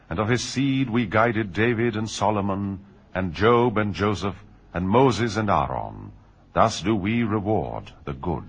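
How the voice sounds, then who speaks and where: A man reading a scripture translation aloud in a measured, solemn way. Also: deep voice, fairly bright tone, husky. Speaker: reader.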